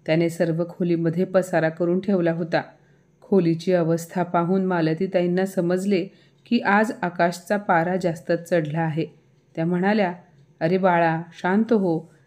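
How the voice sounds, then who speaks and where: A woman storyteller narrating a scripted family moral story in a steady, even way. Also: on the low side, normal speed.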